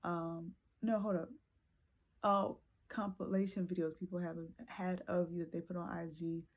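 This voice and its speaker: A woman talking casually to her viewers late at night before bed, thinking aloud with many pauses and fillers. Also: fairly low pitch, little pitch movement. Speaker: vlogger.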